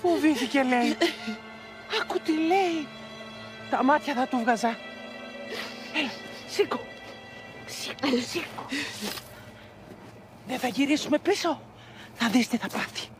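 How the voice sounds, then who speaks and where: A woman's voice: sits high, pauses often, over music, close to an everyday voice. Woman playing a fierce, devout aunt. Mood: indignant. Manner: earnest, motherly and emphatic. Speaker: aunt of the girl. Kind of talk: period television drama acting.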